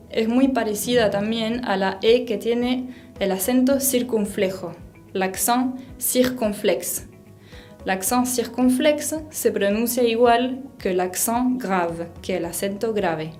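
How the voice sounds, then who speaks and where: A woman's voice: a little high, a little mellow. A woman whose first language is French, teaching a pronunciation lesson and patiently repeating each sound to model it.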